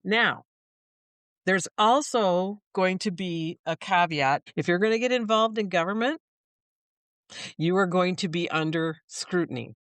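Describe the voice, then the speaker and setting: Chatty businesswoman, lowish voice, dry sound. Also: a little slow, fairly bright tone, no echo. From Minnesota. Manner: chatty, explains with examples, frequent restarts. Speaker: small business owner, guest. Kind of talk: casual interview talk.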